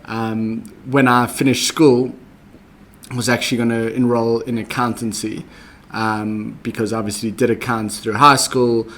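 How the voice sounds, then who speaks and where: A young South African man, appearing as a guest in a conversational interview, walks through his career path in a measured, methodical way, dropping plenty of ums. His voice is mid-range and a bit bright, with little movement in pitch.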